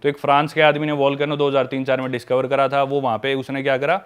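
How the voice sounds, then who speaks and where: A man of middle pitch recounts a travel mishap on a casual podcast. He talks in an animated way, drops English words into his Hindi and mimics the people in his story. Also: fast talker, smooth. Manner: animated storyteller who acts out quoted dialogue.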